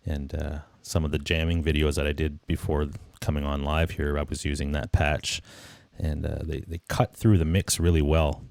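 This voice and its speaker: A rumbling low, darkish voice comes from a man in his late forties running a casual live stream, recorded dry. Relaxed and reflective, he rambles with many restarts and repeated "you know"s.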